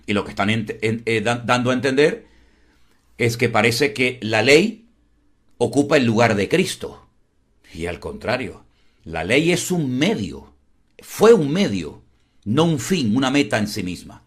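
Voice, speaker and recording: A man's voice: medium pitch, animated, normal speed, a bit bright. A man, preaching as a pastor in a blunt, emphatic way, often repeating his phrases. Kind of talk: preaching commentary.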